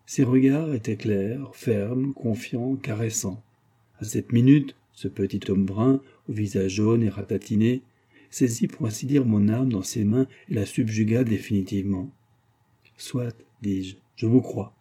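Male audiobook narrator, measured literary reading, very dark and husky. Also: on the low side.

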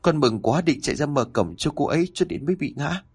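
A grief-stricken young man voiced by a male narrator pleads tearfully in a horror audio story. His voice sits higher than the narrator's and has a husky edge. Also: lively intonation, fairly quick, darkish tone. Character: grieving young man in a wheelchair, desperate.

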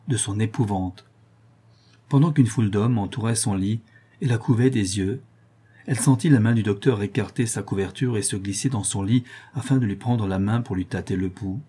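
Audiobook narrator, male: measured, dark and husky, medium pitch. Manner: measured, classic reading. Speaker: audiobook reader. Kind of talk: scripted narration.

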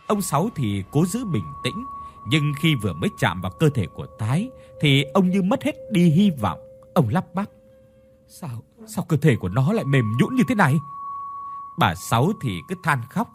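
A man narrating a horror story in a dramatic, expressive way. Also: mid-range voice.

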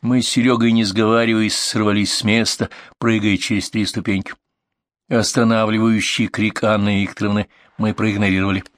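Low-voiced man narrating a story. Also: normal speed, no echo, clean studio sound. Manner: steady, matter-of-fact storytelling. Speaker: audiobook reader. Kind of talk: scripted first-person narration.

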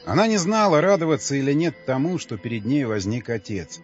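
A man reading an audiobook in a steady, measured narration. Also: mid-range voice. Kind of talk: scripted narration. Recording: dull lo-fi audio with faint music.

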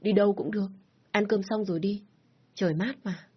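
A woman voicing a caring young husband who asks gentle, coaxing questions in a husky voice. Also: mid-range voice, steady tone, brisk, dull audio, pitched above the performer's own voice, natural voice. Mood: concerned.

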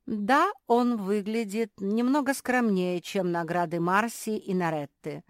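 A woman's voice: medium pitch, unhurried, dry recording, clean studio sound, pitched above the performer's own voice, natural voice. A woman voicing a sly old male shopkeeper with ingratiating, sing-song sales patter, in an audiobook. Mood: wheedling. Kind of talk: audiobook character voice.

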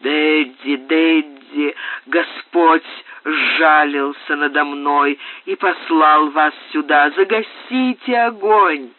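Man voicing a hoarse dying young woman. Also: a little high, slow. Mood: fading. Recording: dry, tinny phone-like sound.

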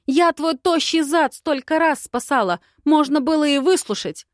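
A fiery young heroine from an audiobook, defiant and quick to yell, as the reader puts her on. Her voice climbs high and rings loud and dry. She snaps her lines with bold, brash confidence. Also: no room sound, lightly acted. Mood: defiant, angry. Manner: shouting, defiant. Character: hot-tempered young woman, bride-to-be heroine.

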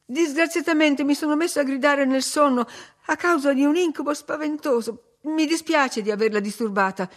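Flustered gentleman tenant read by a woman, raised and urgent, on the high side. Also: normal speed, close to an everyday voice. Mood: flustered urgency. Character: frightened, apologetic young gentleman tenant. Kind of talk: audiobook reading.

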